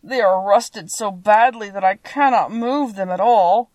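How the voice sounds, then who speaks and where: A woman voicing a polite, mournful man made of rusty tin, speaking in a slow, earnest, drawn-out way for a storybook. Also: mid-range voice, a little mellow, no room sound, lightly acted. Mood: plaintive, pleading.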